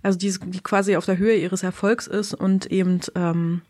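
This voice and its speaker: A woman's voice: medium pitch, fairly even intonation, moderate pace, a little mellow, no room sound. Hesitant, dry-sounding woman discussing a film. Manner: thoughtful, searching for words, many hesitations. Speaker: film reviewer. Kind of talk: casual film review chat.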